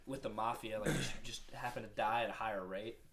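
A young man co-hosting a podcast, teasing and blurting quick questions in casual chat. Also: fairly low pitch, steady tone, noisy background. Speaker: podcast co-host.

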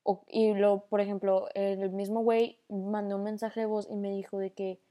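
A chatty young woman with a northern Mexican accent talks through a casual voice-memo podcast. She rambles freely, slips English slang into her sentences, and her voice sits mellow and warm at a middle pitch. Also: little pitch movement, moderate pace. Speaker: podcast host.

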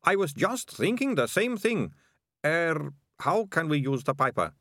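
A man's voice: a little high, very animated, measured pace, a bit bright, no room sound, clean studio sound, pitched above the performer's own voice, full character voice. A man voicing a dim, eager male rat catcher who blusters nervously. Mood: blustering.

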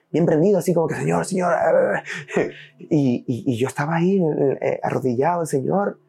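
A man's voice: medium pitch, mellow. Young male podcast host giving a heartfelt testimony, reenacting prayers, mid-range voice, faint music bed. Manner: earnest, reenacts his own prayers aloud; laughs between lines. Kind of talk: personal faith testimony.

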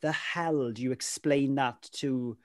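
A weather presenter with a Welsh accent, whose first language is Welsh, is a guest in a casual interview, rambling through his career story with lots of "you know" fillers. His medium-pitched voice is fairly even and slow, recorded dry at studio quality.

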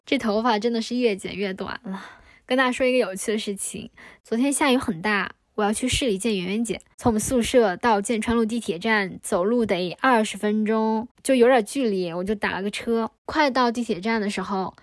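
A woman's voice: a little high, brisk, no room sound. A woman of twenty-four hosting her own podcast in a chatty, playful solo talk, now and then joking with put-on accents. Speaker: podcast host. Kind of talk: casual solo podcast chat.

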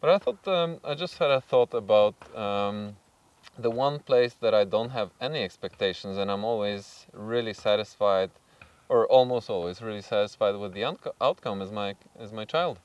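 A man's voice: fairly low pitch, moderate pace, no room sound, recorded from a distance, lo-fi sound. Hesitant man, a bit off-mic. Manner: hesitant, many fillers and restarts. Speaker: podcast co-host. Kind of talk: casual chat. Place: outdoors.

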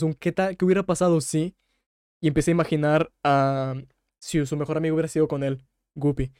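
Higher-voiced Mexican man, casual podcast. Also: mellow, smooth, no room sound, clean studio sound. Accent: Mexican Spanish. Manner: retells a story, then gets emotional and swears. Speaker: podcast host.

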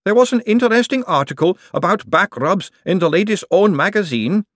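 A man puts on a high, earnest voice for a female golem clerk, stiff and exact in every phrase. The voice is lifted well above his own and pushed a little louder. It is dry and close, with a lively lilt. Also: fairly quick, no echo. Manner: formal, stiff, precise.

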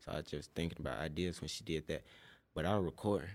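A man's voice: very deep voice, fast talker. A young man from Tennessee, a podcast guest, chatting casually in laid-back slang about his business. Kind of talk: casual chat.

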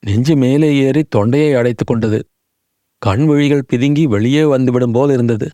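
A man reads a historical novel aloud as an audiobook, in a measured, dramatic way. His voice is mellow and warm, and it is recorded close and dry with no room sound. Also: mid-range voice, no room sound. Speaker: audiobook narrator. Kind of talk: scripted audiobook narration.

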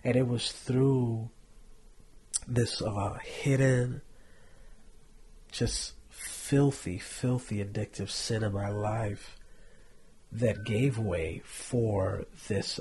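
A man on a faith podcast sharing a candid personal testimony, earnest and reflective with soft trailing asides. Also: fairly low pitch, a little hiss or hum.

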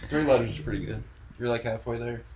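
Young male co-host, mid-pitched, playful banter, audible background noise. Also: fast talker. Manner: jokey, teasing. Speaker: podcast co-host. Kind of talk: casual podcast banter.

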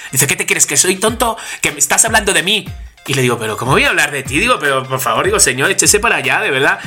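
Man, Spanish accent from Spain, crisp bright tone, lively storyteller, faint music behind. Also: a little high, fast talker. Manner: animated storyteller acting out dialogue. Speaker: podcast co-host. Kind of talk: casual podcast chat.

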